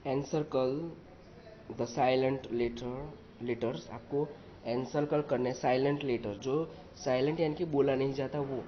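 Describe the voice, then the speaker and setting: Guy teaching english real slow, spells out every word, kinda muffled lo-fi audio. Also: medium pitch, fairly even intonation. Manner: spells words letter by letter, repeats, explains in Hindi. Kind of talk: slow explanatory lesson. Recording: dull lo-fi recording with faint noise.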